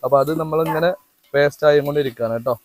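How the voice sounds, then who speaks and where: A man's voice: a little high, steady tone, rapid-fire, no echo. A man doing casual vlog narration outdoors behind a house, chatty and talking straight to viewers with teasing asides. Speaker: family vlogger cooking.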